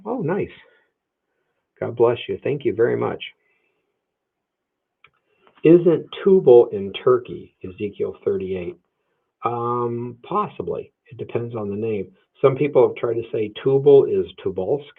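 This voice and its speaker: A man with a very low, gravelly and husky voice answers viewer questions on a livestream. He thinks aloud, hedges and restarts his sentences. The sound is thin and narrow, like it comes through a phone. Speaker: Bible prophecy teacher answering viewer questions.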